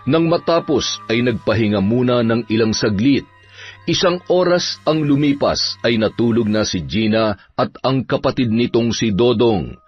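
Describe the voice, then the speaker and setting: A man narrating a dramatic family story in a steady scripted reading. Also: mid-range voice. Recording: dull audio, soft music behind.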